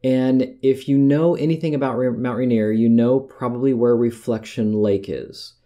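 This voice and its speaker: Speaking at a normal speed, a middle-aged American man hosts a podcast and muses conversationally about hiking, frequently fixing his own sentences partway through. His voice is medium-pitched, steady, and dark.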